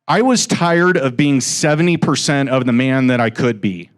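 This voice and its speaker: A man in his forties speaks as a guest at an investor meetup, using a clean-toned, mid-range voice at a moderate pace. Before a live audience in a room, he keeps things informal and chatty, cracking jokes and teasing listeners on the side.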